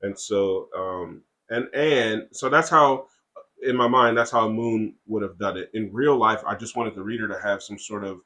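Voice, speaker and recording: A man co-hosting a casual podcast, talking in halting stretches with many fillers and restarts. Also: on the low side, sharp tone. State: has the hiccups. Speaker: comic creator and co-host.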